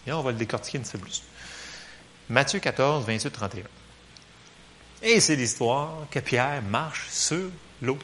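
A man with a Québécois French accent, preaching a casual sermon in a church, lively and joking, full of fillers. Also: mid-range voice, unhurried, long pauses, slight background noise.

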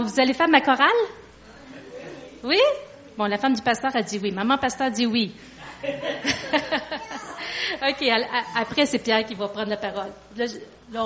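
A woman's voice: fairly high pitch, highs cut off. A woman missionary addressing a church congregation, chatting, laughing and coaxing them to learn a song.

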